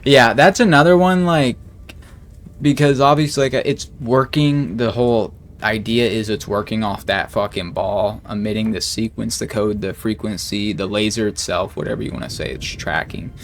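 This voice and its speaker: A male gaming streamer with a fairly low voice goes through game patch notes, reading each slowly and then rambling casually about it with plenty of filler words and swearing. A little hiss or hum can be heard.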